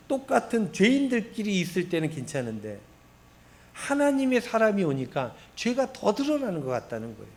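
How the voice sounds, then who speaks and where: A male pastor preaching a sermon, retelling scripture with rhetorical questions. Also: high voice. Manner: expressive storytelling with rhetorical questions.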